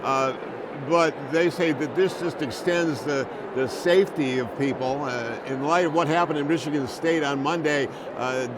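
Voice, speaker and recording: A man reporting in an unscripted news discussion, explaining things in a halting, measured way. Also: fairly high pitch. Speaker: public broadcasting reporter. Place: noisy capitol building. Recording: noisy hall, loud waterfall-like din.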